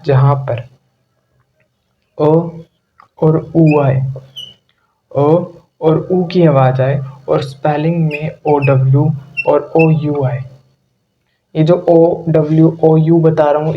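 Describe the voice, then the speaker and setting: Male language tutor, measured and flat, slightly raised pitch, dull lo-fi recording. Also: a little hiss or hum. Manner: slow, drawn-out teaching with sounds repeated and checking questions. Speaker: English pronunciation teacher. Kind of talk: spoken video lesson.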